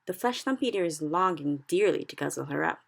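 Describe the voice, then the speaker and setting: A woman voicing a big, friendly male giant in a storybook reading, who speaks slowly and mangles his grammar. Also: low voice, animated, creaky, full character voice. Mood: sly. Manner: slow, odd jumbled grammar.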